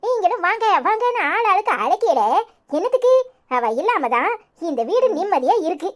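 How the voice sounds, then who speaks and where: A woman voicing a sharp-tongued, dramatic middle-aged aunt in a cartoon, scolding loudly over the phone in a Tirunelveli accent. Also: sing-song, moderate pace. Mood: taunting. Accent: Tirunelveli Tamil. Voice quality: high, shrill. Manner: nagging, shouting at the phone.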